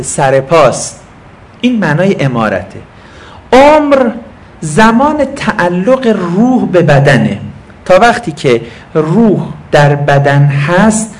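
A man giving a classroom lecture on scripture, patiently explaining terms and asking and answering his own questions while talking to students. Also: sits high. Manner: talks to students present. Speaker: religious teacher.

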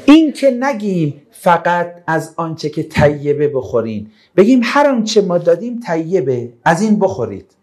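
A man teaching Quran interpretation to a class, animated, calling on students one by one and turning down their answers. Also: fairly high pitch. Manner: animated, calls on students and keeps rejecting answers. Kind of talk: classroom lecture with questions to students.

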